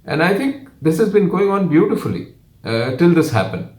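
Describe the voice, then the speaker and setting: Echoey Kannadiga-accented man, deliberate and emphatic. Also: a little high, sing-song, darkish tone. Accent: Kannadiga Indian English. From Karnataka, India. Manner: measured, deliberate, emphatic phrasing with frequent pauses. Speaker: guest commentator. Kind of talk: television interview opinion. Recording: roomy, echoing sound.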